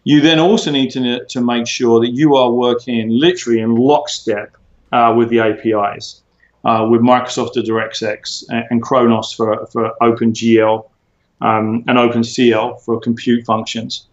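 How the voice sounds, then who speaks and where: A man talks through his answers in a measured, explanatory way, pausing often on ums and restarting phrases. His voice sits at a middling pitch. The recording sounds roomy and a bit dull. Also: little pitch movement. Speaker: interview guest, former tech executive. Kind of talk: conversational interview.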